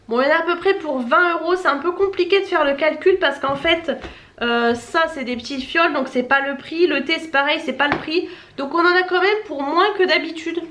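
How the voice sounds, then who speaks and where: Chatty high-voiced woman with a Marseille accent. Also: a bit bright. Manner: chatty, rambling, self-correcting. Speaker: family vlogger. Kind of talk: casual unboxing chat to camera. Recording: echoey room with faint noise.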